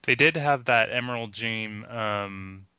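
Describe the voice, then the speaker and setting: A man co-hosting a casual gaming podcast, hesitant and given to repeating himself. His voice is very bright and crisp. The dry close recording is a bit dull. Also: lowish voice, slow pace, no echo. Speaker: podcast co-host.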